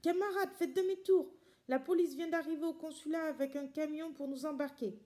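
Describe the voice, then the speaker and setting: A woman reading the part of a panicked male refugee who shouts an urgent warning. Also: high voice, brisk, pitched above the performer's own voice, natural voice. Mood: alarmed. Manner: urgent, raised calls.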